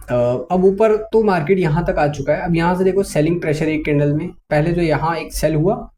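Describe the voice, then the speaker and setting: A man explaining chart reading in a casual, conversational lesson, often pausing on fillers. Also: a little high, mellow, a little hiss or hum. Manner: conversational, many fillers and English words mixed in. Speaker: trading teacher.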